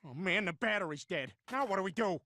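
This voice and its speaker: An actor playing a dim, blustery middle-aged dad in an animated sitcom, goofy, rambling and blunt. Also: male voice, high-pitched, quick pace, no room sound, clean studio sound, heavily acted. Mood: scheming, flippant.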